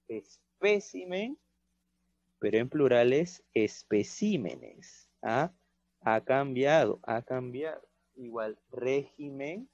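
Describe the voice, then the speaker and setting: A man teaching a recorded grammar lesson to young pupils, speaking slowly and deliberately at a mid-range pitch. He explains step by step, with frequent tag questions to keep the children with him. The recording is dry and a little dull, as if captured close up in a small room. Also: a little mellow, no room sound. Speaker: primary school teacher.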